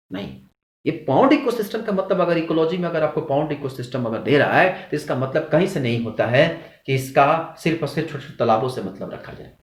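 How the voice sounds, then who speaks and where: A man teaching a lecture, who asks his students questions and answers them himself, with sharp rises and drops in pitch to stress his points. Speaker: zoology teacher. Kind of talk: classroom lecture. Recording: echoey room.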